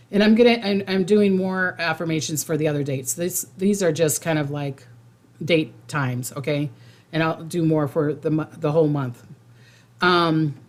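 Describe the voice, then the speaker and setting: A woman's voice: fairly low pitch, a little mellow. A woman host talking casually to her viewers, informal and rambling, repeating phrases for emphasis. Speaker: psychic host giving monthly predictions. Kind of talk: casual livestream talk to viewers.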